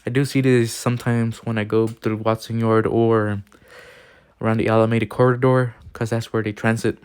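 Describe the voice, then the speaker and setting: A man's voice: lowish voice, flat delivery, moderate pace, a little mellow, clear, resonant tone, no room sound, clean studio sound. A man hosting a reaction video, chatting casually and laughing often between comments. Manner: chuckles often, loose and joking. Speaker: host of a railfan video reaction channel.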